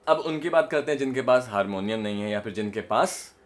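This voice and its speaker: Teaching voice modulation in a relaxed lesson, a young man with a lowish, expressive voice walks through the exercises patiently and models them. As a voice coach, he talks slowly and explanatorily, repeating one line on climbing notes.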